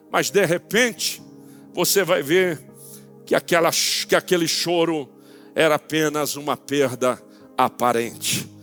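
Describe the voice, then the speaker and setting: A man with a Brazilian Portuguese accent preaching a sermon as pastor in a church, impassioned, speaking straight to his listeners and rising to shouted peaks. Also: high voice. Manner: addresses listeners directly.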